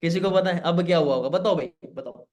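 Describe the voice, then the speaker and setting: Energetic man quizzing his audience. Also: high voice, fairly quick. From Pakistan. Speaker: mentor. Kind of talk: motivational storytelling session. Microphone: online session.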